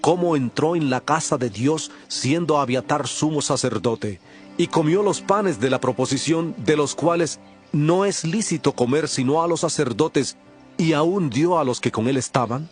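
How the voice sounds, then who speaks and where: A man voicing Jesus as a calm, authoritative teacher in a dramatized audio Bible, with a measured, solemn delivery. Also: a little high, soft background music, close to an everyday voice.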